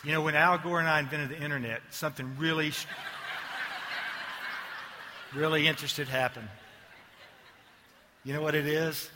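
A man's voice: fairly high pitch, fairly even intonation, moderate pace, long pauses, background noise. Joking man on a big hall stage. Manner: joking, self-mocking asides. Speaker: ad agency executive giving a keynote. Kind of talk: conference keynote talk.

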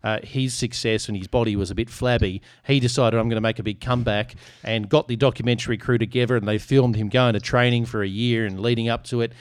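A man's voice: mid-range voice, steady tone, quick pace, hardly any pauses, clear, resonant tone, no echo. A man hosting a sports podcast in casual chat, joking and irreverent. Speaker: podcast host.

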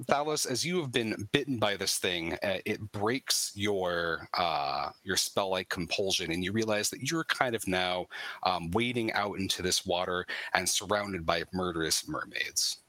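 A man narrating a tabletop game as game master, in a halting way with many ums and uhs. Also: deep voice, bright, forceful tone, no room sound.

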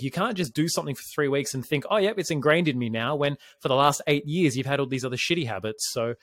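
A man co-hosting a podcast, with a middle-pitched voice. He speaks energetically and emphatically, with casual swearing. The recording is dry and close to the mic. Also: dry recording. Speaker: podcast co-host.

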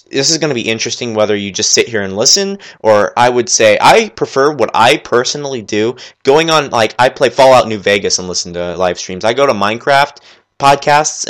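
Fast-talking rambling male podcast host. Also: medium pitch, fairly bright tone. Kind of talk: solo gaming podcast chat. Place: at his computer, working while talking.

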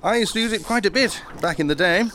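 A man's voice: sits high, quick pace, pushed and bright, a little hiss or hum. A man playing a retired supervillain baron turned union official in a comedy sketch, with a theatrical, politely spoken manner. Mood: polite, conciliatory. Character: smooth-talking retired supervillain baron turned union rep, secretly evil. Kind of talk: audio comedy sketch acting.

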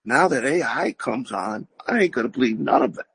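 A man on a podcast with a gravelly, husky voice, talking slowly and rambling in a folksy way. His pitch sits fairly high and swings a lot. Dry close sound. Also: lively intonation, fairly bright tone, no room sound, low-quality recording. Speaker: podcast co-host. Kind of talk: casual chat.

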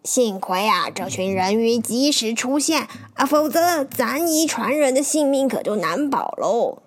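A woman voicing a wise, good-humored old man who explains things slowly, with chuckles and drawn-out words. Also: fairly high pitch, expressive. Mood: knowing. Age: older.

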